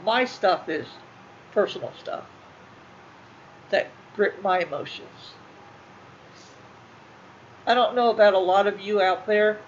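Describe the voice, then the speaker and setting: A middle-aged woman talks casually to her viewers, halting, repeating herself and sounding emotional. The recording is a little dull and muffled. A faint noise sits underneath her voice. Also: medium pitch. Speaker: channel host. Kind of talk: casual talk to livestream viewers.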